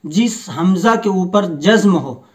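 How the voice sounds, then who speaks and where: A man teaching Quran reading, slowly reading each word aloud and patiently explaining the rules. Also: high-pitched, lively intonation, far from the mic. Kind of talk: slow step-by-step recitation lesson.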